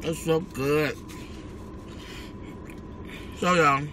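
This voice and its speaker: An American mukbang vlogger chats casually with viewers as he eats, chewing while talking and humming with relish. His voice is on the high side, steady in tone, and very slow. The recording has clear background noise and car ambience.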